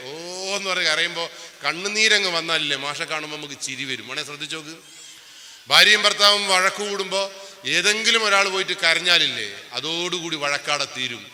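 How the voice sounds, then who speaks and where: A man giving a lively motivational class, quizzing his audience often and swinging his voice up and down for emphasis. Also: fairly high pitch. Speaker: speaker giving a family class. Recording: reverberant hall with faint ambient noise.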